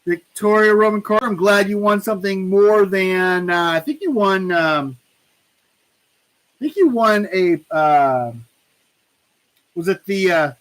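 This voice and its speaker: A man hosting a casual live stream giveaway, chatty and drawn-out, playfully repeating himself. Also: sits high, fairly bright tone, poor audio.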